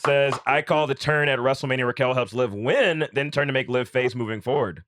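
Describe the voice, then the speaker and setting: A man's voice: mid-range voice, brisk, noisy background. A man co-hosting a wrestling podcast, reading viewer chats and joking around. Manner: playful, laughs a lot, reads super chats. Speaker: podcast co-host. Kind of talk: casual wrestling chat.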